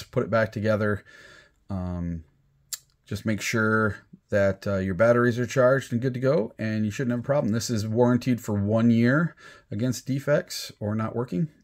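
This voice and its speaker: His voice is fairly low and darkish in tone. An American product demonstrator who also hunts rocks, he gives step-by-step instructions in a relaxed, plain manner at a table in a small room, and background noise comes through clearly.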